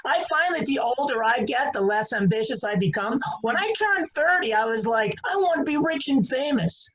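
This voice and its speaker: A man's voice: very high voice, lively intonation, normal speed, fairly bright tone, dull audio. A man in his fifties delivering a dry stand-up monologue. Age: 50s. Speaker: comedian.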